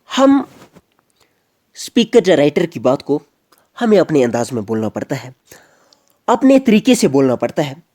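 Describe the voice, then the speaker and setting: Male teacher, animated grammar lecture, close dry sound, repeats points to drive them home. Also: fairly high pitch, no echo. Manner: explains step by step, repeating key phrases.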